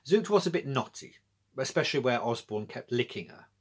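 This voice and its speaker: Reading a children's story in a small room with bookshelves, this middle-aged British author and storyteller sounds husky. He uses a medium pitch with lively intonation and goes a little fast.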